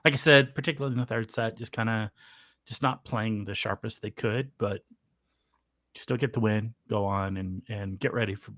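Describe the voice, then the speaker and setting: A man with a slightly low, gravelly voice talks through a match in an unhurried, hesitant way. The sound is dry and close. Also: a bit bright, no room sound. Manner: thoughtful, hesitant with fillers. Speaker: podcast co-host. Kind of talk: casual sports analysis.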